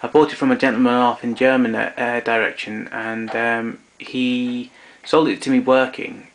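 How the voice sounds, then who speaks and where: With a medium pitch and level tone, a man narrates a casual show-and-tell of his tape recorders, explaining each step with pauses and fillers.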